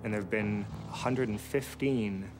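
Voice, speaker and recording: Low-voiced man with noise behind him. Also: normal speed. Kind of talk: explanatory documentary interview. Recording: clearly noisy background ambience.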